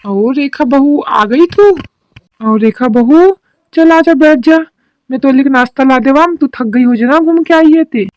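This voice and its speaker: A woman's voice: high voice, measured pace, darkish tone, dry recording, dull audio. A woman voicing a worried rural mother-in-law in a cartoon drama, talking in a homely village dialect. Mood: affectionate.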